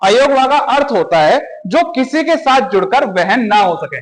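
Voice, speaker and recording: A man's voice: very high voice, lively intonation, moderate pace, in a large hall, rough recording. A man teaching an exam-prep grammar lesson, asking questions and answering them himself, repeating key points.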